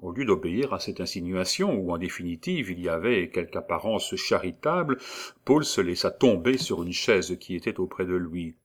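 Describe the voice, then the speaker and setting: A man reading a classic novel aloud as an audiobook narrator, in a measured literary style. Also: sits low, animated.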